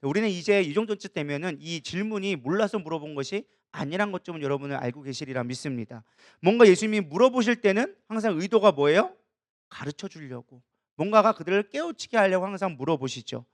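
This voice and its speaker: A man preaches a sermon in a high, rapid voice and keeps putting questions to his listeners. The sound is dry and close, with no room echo. His delivery is lively and fast-moving. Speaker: pastor.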